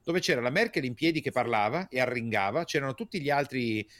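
A man with a mid-pitched voice speaks as a coach on a podcast. His delivery is emphatic and energetic. He drives points home with repetition and rhetorical questions. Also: fast, no room sound. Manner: emphatic, animated delivery with repeated key words and rhetorical questions; gestures while speaking, energetic. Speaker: communication coach, podcast guest. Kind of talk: conversational explanation on a podcast.

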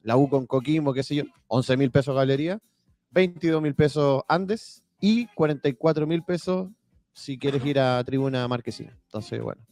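A man with a Chilean accent in a casual sports chat, briskly reading out figures with small hesitations. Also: medium pitch, a little mellow. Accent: Chilean Spanish.

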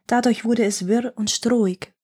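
A woman's voice: on the high side, fairly even intonation, a little slow, darkish tone, slightly rough. Woman doing a sly scheming servant girl. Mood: fawning. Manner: sly, fawning replies. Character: scheming lying young servant maid.

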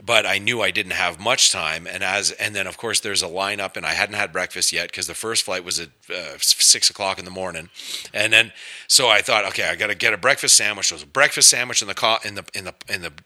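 A man's voice: sits low, brisk. A man, a comedian guest, telling a story in casual chat, rambling with many restarts. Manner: rambling, restarts, animated retelling.

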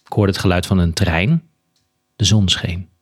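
A man's voice: low-pitched, steady tone, moderate pace, breathy edge. A man reading a children's story aloud with expression and talking about the book. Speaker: guest reader.

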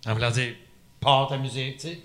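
A man with a Québécois French accent, telling a story as a podcast guest, lively and laughing often. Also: mid-range voice, brisk. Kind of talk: animated storytelling.

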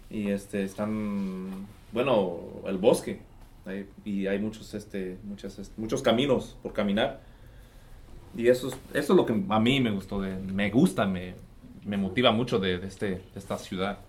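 Casting: low-pitched man, casual, filler-heavy, faint noise behind. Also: unhurried. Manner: animated, uses fillers like "este". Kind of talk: casual conversation.

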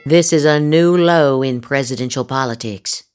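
Over music, a woman host reads social media posts aloud theatrically, stretching out her words for emphasis. Her voice is extremely low, smooth and darkish, at a normal speed.

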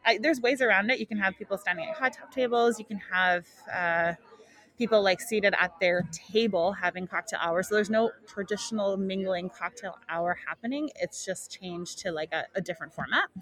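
Talking through a face mask at a wedding show, this podcast host and wedding planner chats casually to listeners on a live show, frequently trailing off mid-thought. She speaks at normal speed in a medium-pitched, slightly bright voice, and the audio is poor.

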